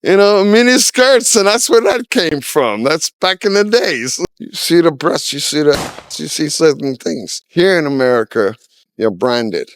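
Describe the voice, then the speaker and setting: Originally from Trinidad and Tobago, this man in his sixties speaks frankly and with strong opinions during a casual street interview, dropping plenty of "you know." His fairly high voice has lively intonation and a measured pace, free of echo.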